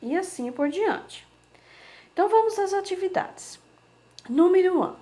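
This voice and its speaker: A woman teacher giving a slow, patient remote lesson to young children, sounding out words syllable by syllable. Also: very high voice, lively intonation, dark tone. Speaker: primary school teacher.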